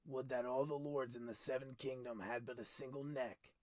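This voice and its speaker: A man voicing a stern, cold middle-aged king who talks in clipped, forceful commands, higher and louder than his narration. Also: steady tone, normal speed, no echo, close to an everyday voice. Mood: commanding.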